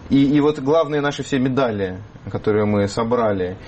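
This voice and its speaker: A man appearing as a talk show guest, speaking haltingly with many hesitations and restarts. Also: mid-range voice, a little mellow, dull audio, slight background noise. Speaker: studio guest.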